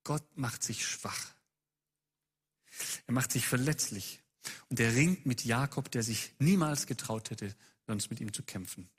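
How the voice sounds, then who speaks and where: A man's voice: mid-range voice, moderate pace, husky. A man preaching a sermon who presses his listeners with a long run of urgent rhetorical questions.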